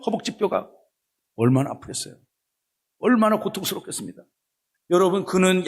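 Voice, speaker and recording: Animated high-voiced pastor preaching. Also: male voice. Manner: animated storytelling, acting out characters in a folksy dialect. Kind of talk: sermon. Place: church sanctuary.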